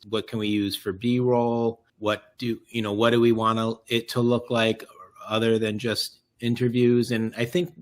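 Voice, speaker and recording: A man's voice: on the low side, fairly bright tone. A man, a videographer, answering on a festival Q&A panel in a thoughtful, rambling way. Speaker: videographer and editor.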